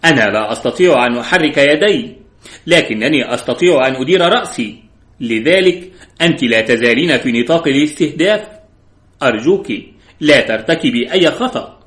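A man voicing a composed detective who speaks calmly and courteously, in a measured way. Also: mid-range voice, close to an everyday voice. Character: calm, composed elderly male detective. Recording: roomy echo.

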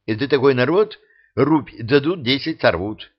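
A man voicing a brash, quick-tempered young adventurer who flares up with indignant bursts, in a dull lo-fi audiobook recording. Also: medium pitch, animated, slightly rough, pitched above the performer's own voice. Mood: alarmed.

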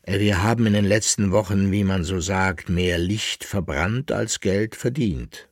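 A man's voice: low voice, unhurried, no echo, clean studio sound, voice pushed up. A man voicing a simple, superstitious servant who chatters eagerly.

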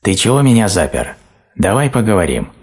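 A man's voice: on the low side, sing-song, a little fast, a little mellow, slightly rough, voice pushed up, heavily acted. A man voicing a mischievous, laughing fire spirit in a fairy tale, speaking in a playful, cackling way. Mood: calling.

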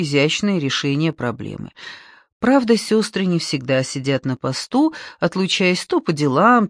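Reading a novel for an audiobook, the narrator uses a medium-pitched voice and tells the scripted story with plenty of expression. The studio sound is clean and echo-free.

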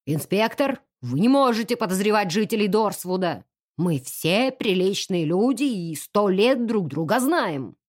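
A woman's voice: mid-range voice, expressive, measured pace. A woman voicing a blustering, drunk older male colonel who bullies and slurs, in an audiobook. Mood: indignant. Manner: loud, bullying, slurring.

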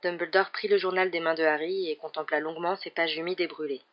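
A measured, expressive audiobook narrator reading a novel chapter. The voice sits in a middle register, and the recording is dull and lo-fi. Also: medium pitch.

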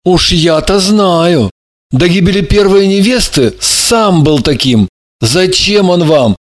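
A man's voice: sits high, animated, slow pace. Man reading as an anguished young man cursed in love. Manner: pleading, despairing. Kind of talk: audiobook character reading.

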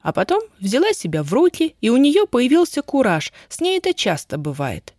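A woman voicing a lively, quick-witted teenage girl who exclaims in a high voice. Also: no echo, studio quality. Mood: knowing. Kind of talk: audiobook character reading.

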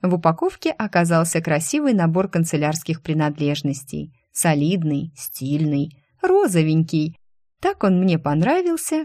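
A woman reads a first-person audiobook with lively expression. Her voice sits a little low. The recording is close and dry, with no room echo. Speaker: audiobook narrator.

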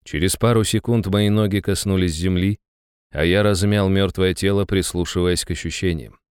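A man narrating a first-person fantasy audiobook in an even, measured way, close to the mic. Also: low-pitched, clean tone, no echo.

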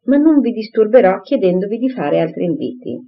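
A woman reads an audiobook in a medium pitch, voicing a calm, dry, firm gentleman who speaks in a measured way. The recording is dull and lo-fi.

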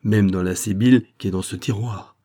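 A man's voice: fairly low pitch, fairly even intonation, brisk, mellow, lightly acted. A man voicing a formal, composed magistrate who questions a witness and lays out his theory of the case. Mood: formal, grave. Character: measured, authoritative older male magistrate.

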